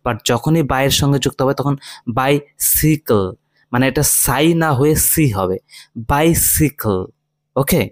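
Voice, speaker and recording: A man teaching English line by line in Bengali, reading English slowly and often checking "ঠিক আছে?". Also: mid-range voice, dry recording. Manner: reads English phrases slowly, then explains in Bengali.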